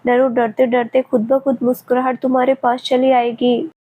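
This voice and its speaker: A woman's voice: high voice, little pitch movement, moderate pace, mellow. A woman reading as a teasing, protective young lover. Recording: tinny phone-like sound.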